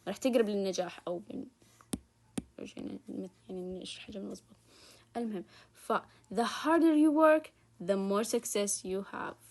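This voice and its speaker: A young woman with a Hijazi Arabic accent talks through a grammar lesson for fellow students. She sounds relaxed and informal. She lingers on each example word and then hurries through her explanations. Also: medium pitch, creaky. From Saudi Arabia. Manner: stretches examples slowly, rushes through asides. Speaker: student tutor. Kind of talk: casual recorded grammar lesson.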